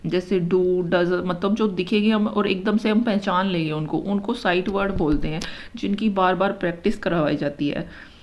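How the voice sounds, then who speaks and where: A woman teacher working through exam questions at an even, middle pitch. She reads each option slowly, then explains it step by step. The recording sounds dull and lo-fi. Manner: explains step by step, mixing English terms into Hindi. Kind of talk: exam-prep lesson.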